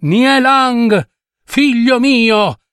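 A man putting on a shrill, desperate old mother. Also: drawn-out words, fairly bright tone, clear, resonant tone, no echo, clean studio sound, heavily acted. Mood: alarmed. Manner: high shrill pleading cries.

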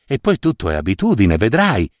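A man reading aloud and voicing a group of older village women who briskly reassure a young girl. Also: fairly low pitch, huge pitch swings, no echo, studio quality. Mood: reassuring.

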